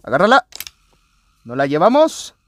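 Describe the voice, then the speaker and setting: An excitable man, hosting a let's play video and talking to his viewers as he plays. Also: on the high side, a little slow, dry recording. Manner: excitable, often addresses viewers as friends. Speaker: gaming channel host.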